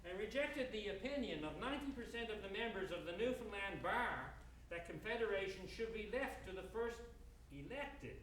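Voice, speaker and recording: A man playing an impassioned courtroom lawyer in a dramatic reading, with theatrical, hammy oratory, emphatic repetition and weighty pauses. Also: high voice, a bit bright. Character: impassioned male lawyer pleading to a judge in court. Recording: echoey room, distant mic, faint noise.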